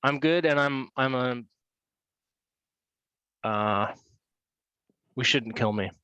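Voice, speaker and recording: A man casually defending himself as a player in a game, halting and hesitant. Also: mid-range voice, bright, forceful tone, smooth, no room sound.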